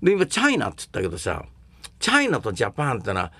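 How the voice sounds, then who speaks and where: An older man talking casually and at length about comedy and performing arts, rambling and opinionated, with rough colloquial speech. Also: medium pitch, huge pitch swings, racing, bright, forceful tone, no echo.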